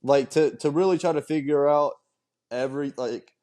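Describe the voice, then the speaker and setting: A man's voice: on the high side, normal speed, mellow. A young man co-hosting a podcast over a video call, talking in a laid-back, agreeable way with plenty of fillers. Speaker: podcast co-host. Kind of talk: casual chat.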